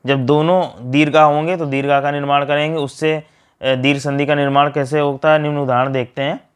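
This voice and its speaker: A man teaching a grammar lesson, reading out word pairs and splitting each one in a steady drill. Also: a little high, a little fast, smooth.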